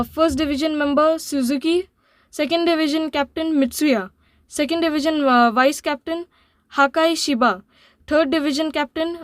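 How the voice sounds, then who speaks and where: A woman hosting an anime channel, reading a scripted manga summary, halting, with frequent fillers and restarts. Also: sits high, no room sound.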